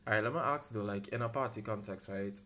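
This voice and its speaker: A man's voice: on the low side, quick pace, pushed and bright. A man co-hosting a podcast, chatting casually and often hesitating with "um". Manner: hesitant, many "um" fillers. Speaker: podcast co-host. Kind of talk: casual chat.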